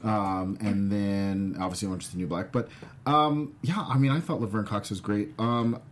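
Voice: deep voice, steady tone, moderate pace, slight background noise. A host leading a casual chat about a TV show, talking with lots of fillers and restarts. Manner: chatty, many fillers and restarts. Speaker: podcast host.

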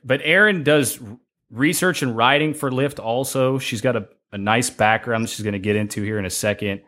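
A man's voice: mid-range voice, normal speed, fairly bright tone. A man hosting a podcast interview, chatting casually and with gushing enthusiasm. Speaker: podcast host.

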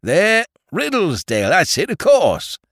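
Voicing an eager, talkative Cockney pub landlord around fifty-five, this man uses a London Cockney accent, chatty delivery and dropped grammar. His pitch is medium, set higher than his own voice yet close to everyday speech, and he's very animated at a normal pace. The studio sound is clean, with no room sound.

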